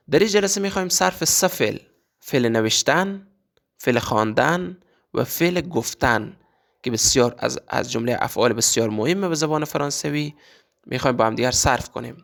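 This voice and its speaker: A man teaching a language lesson, repeating example words slowly and drawn out. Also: mid-range voice, creaky, fairly bright tone. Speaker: French teacher.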